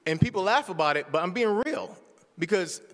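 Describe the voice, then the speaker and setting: A man's voice: high voice, animated, a little fast, fairly bright tone. A man in his forties giving a casual, conversational sermon as a church speaker, often checking in with the congregation. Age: 40s. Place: church sanctuary. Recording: long reverb of a church hall.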